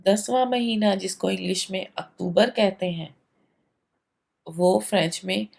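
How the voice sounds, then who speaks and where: A woman teaching an online language lesson, drilling the months slowly and patiently with many repetitions. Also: fairly low pitch, vocal fry, darkish tone. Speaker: French teacher.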